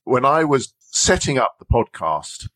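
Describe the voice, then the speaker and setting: A man hosting a podcast interview, relaxed and self-deprecating, laughing easily. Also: mid-range voice, unhurried, dry recording. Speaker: podcast host. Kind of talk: casual interview chat. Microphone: podcast microphone.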